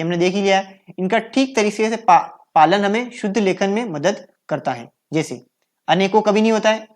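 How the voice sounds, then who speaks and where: A Hindi grammar teacher giving a lesson, patiently repeating each correct form and asking and answering their own questions. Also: mid-range voice. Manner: frequent self-corrections and trailing "है ना" checks. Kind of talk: recorded online grammar lesson.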